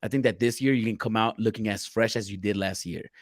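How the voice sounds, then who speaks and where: A man's voice: fairly low pitch, fairly even intonation, fast, dry recording, studio quality. A man co-hosting a casual live-stream chat, talking loosely and bluntly with plenty of cursing and reading viewer questions aloud. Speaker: podcast co-host.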